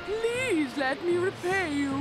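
Video game creature mother, high and pleading, slow and singsong. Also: expressive, soft background music, exaggerated voice. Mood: grateful. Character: fretful female creature mother guarding her eggs.

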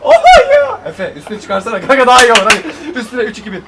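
A young man bantering casually with friends in an excitable, exclamatory, slangy and teasing way. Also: very high-pitched, quick pace, very noisy. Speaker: challenge video participant. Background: friends shouting and laughing.

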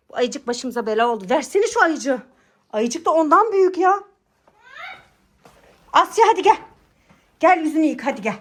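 Exasperated high-voiced mother scolding. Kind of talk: scripted family skit. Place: home bedroom.

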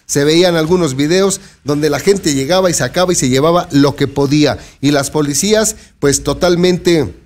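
Addressing his audience head-on, a local news commentary host from Mexico cautions listeners to take care in a conversational way. His voice is on the high side and darkish, delivered at a normal speed.

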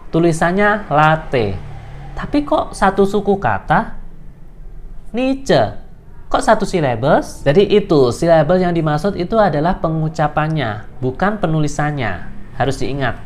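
A man's voice: on the high side, very animated, a little slow. A man giving an informal online English grammar lesson, patiently explaining and repeating key terms to his viewers. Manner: chatty and informal, addresses viewers directly. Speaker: English tutor.

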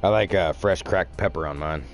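A man's voice: low voice, moderate pace, faint music behind. A man co-hosting a gaming channel in casual chat, laid-back and terse.

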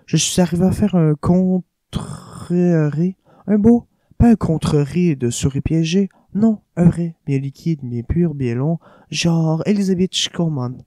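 A man's voice: a little high, unhurried, dark tone, no room sound, voice pushed up, lightly acted. Man voicing a gushing young niece. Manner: chatty, gushing. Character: young niece, chatty, giddy singer.

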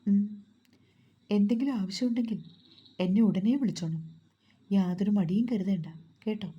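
A woman voicing a tender, protective young husband in a storybook reading, speaking gently and soothingly. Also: mid-range voice, normal speed, slightly rough, highs cut off, close to an everyday voice.

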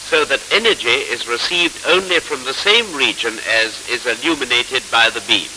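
This is a mid-range male voice narrating a 1940s instructional film. He speaks formally and explains things at a measured pace, and the soundtrack is old and scratchy.

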